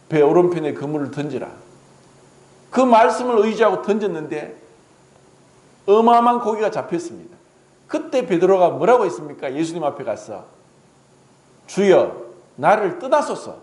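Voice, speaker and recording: A man's voice: sits high, a little mellow, roomy sound, low-quality recording. A male pastor preaching a dramatic sermon in a church, acting out the quoted words of the story. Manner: dramatic, voices Jesus and Peter in quotes.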